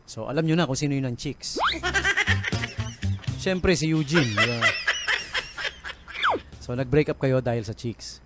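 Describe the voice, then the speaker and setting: A man's voice: mid-range voice, unhurried, long pauses, over loud music. A man with a Filipino accent hosting a casual late-night radio show, laughing often and mixing Tagalog and English. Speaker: radio DJ host. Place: radio studio.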